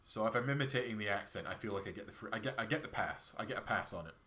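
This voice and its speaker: Racing along with an expressive, sharp delivery, this man's voice sits on the low side. He's from Scotland, with a Perthshire accent and a cold-roughened throat, rambling chattily and putting himself down as he streams a game.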